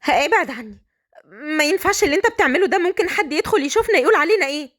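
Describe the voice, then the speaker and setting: A woman's voice: very high voice, expressive, rapid-fire, fairly bright tone, pitched above the performer's own voice. A woman voicing a proud, defiant young bride.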